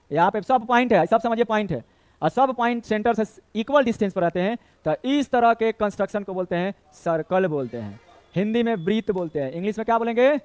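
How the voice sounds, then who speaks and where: A man teaches a classroom maths lesson in a high, clear, resonant voice. He talks in a chatty way, joking with his students, scolding them and dropping in Bhojpuri words. The sound is dry and close. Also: a little mellow, dry recording.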